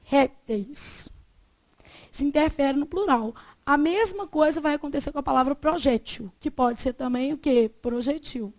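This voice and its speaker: A Brazilian woman teaching a Portuguese class, chatty and joking, slowly drawing out the example words. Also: high-pitched, darkish tone. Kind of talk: classroom lesson.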